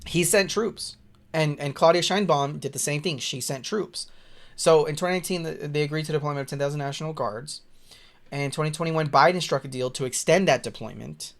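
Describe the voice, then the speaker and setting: A man's voice: a little high, a little fast, creaky. A man casually reading aloud and commenting on the news as a streamer, rambling, stumbling over words, blunt and exasperated, with swearing.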